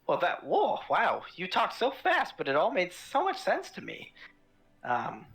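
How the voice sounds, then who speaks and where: Lively, slow, wry tabletop player. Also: medium pitch, rough recording. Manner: hesitant, wry, polite. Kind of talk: in-character tabletop play.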